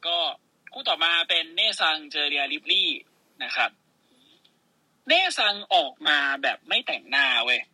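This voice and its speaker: A man co-hosting a podcast, recapping matches in casual, excitable, swear-filled play-by-play. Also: on the high side, normal speed, slightly rough, no echo, poor audio. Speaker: podcast co-host.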